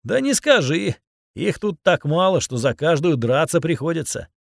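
A man's voice: a little high, very animated, moderate pace, creaky, no echo, clean studio sound, voice pushed up, heavily acted. A man playing a blunt mustached storekeeper.

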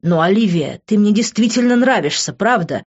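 A woman's voice: medium pitch, lively intonation, moderate pace, darkish tone, slightly rough, voice pushed up. A woman reading an audiobook, voicing a young man who mumbles and stammers as he pleads. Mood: pleading. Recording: dull lo-fi recording.

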